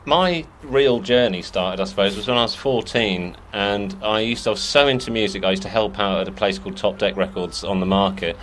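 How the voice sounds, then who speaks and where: A man's voice: on the low side, brisk, hardly any pauses, fairly bright tone, a little hiss or hum. Chatty man telling music stories. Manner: chatty storyteller, self-deprecating, many restarts. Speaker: musician guest. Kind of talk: casual interview chat.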